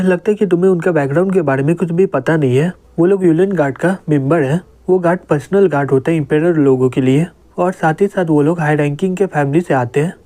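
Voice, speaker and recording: A man's voice: fairly high pitch, dark tone. A man narrating a manga story, reading every character's lines in his own voice.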